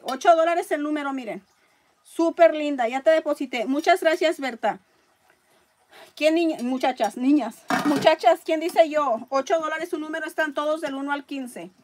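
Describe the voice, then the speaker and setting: High-voiced woman running a live raffle. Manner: chatty, reads viewer comments aloud. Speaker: live-stream seller and raffle host. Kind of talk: casual live-stream chat.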